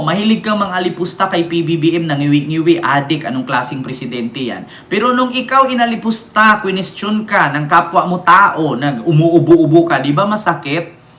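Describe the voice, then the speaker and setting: A man's voice: on the high side, fairly bright tone, slight background noise. A man from the Philippines doing heated political commentary as a vlogger, scolding his target and reading out viewer comments, with constant rhetorical questions. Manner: scolding, rhetorical, keeps asking "di ba?". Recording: echoey room with faint ambience.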